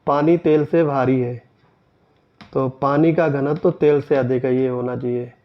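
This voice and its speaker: A man's voice: medium pitch, steady tone, measured pace, muffled recording. A male teacher going through mock test questions, reading each sentence and then correcting it in a methodical way. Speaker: exam coaching teacher. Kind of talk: explaining mock test answers.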